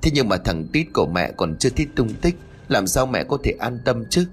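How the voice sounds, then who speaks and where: Male narrator as a desperate old grandmother from a ghost storybook, raised and quick. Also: mid-range voice, very animated, faint music behind, lightly acted. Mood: tearful.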